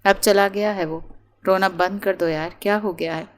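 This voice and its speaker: A woman's voice: mid-range voice, steady tone, lightly acted. A woman voicing a young woman who comforts her friend in a romance audiobook. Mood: reassuring.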